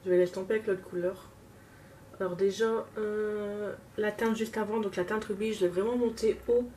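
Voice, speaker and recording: Woman beauty vlogger, self-mocking and relaxed, casual tutorial talk; distant mic, noisy room. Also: medium pitch, moderate pace. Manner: chatty, self-mocking, talks while working. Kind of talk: casual makeup tutorial chat. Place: home, at a makeup table.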